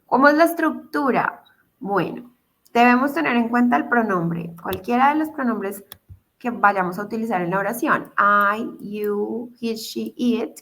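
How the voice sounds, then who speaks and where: A woman's voice: a little high, pushed and bright. A woman teaching English grammar in an online class, explaining patiently, repeating each step and checking in with her students. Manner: patient, repeats steps, asks "¿listo?" to check.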